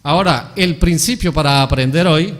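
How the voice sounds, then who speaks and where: A man's voice: fairly high pitch, moderate pace, a bit bright. A man, a pastor, preaching a sermon and putting rhetorical questions to his congregation. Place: church hall. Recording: long hall reverb.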